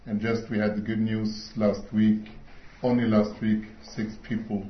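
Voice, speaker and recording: A middle-aged man delivers a sermon in slow, deliberate English, pausing often to find his words. His voice sits a little low. The recording is dull and roomy, as if captured in a hall. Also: flat delivery, a little hiss or hum. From Switzerland. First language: not English. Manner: slow, earnest, pauses often with fillers. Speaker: speaker at a church meeting. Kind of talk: sermon talk.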